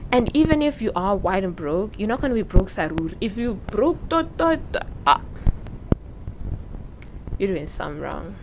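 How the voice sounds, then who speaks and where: Against a noisy background, a medium-pitched female voice delivers earnest, open advice. She's an early-twenties South African vlogger seated indoors, recording on her own microphone, which pops.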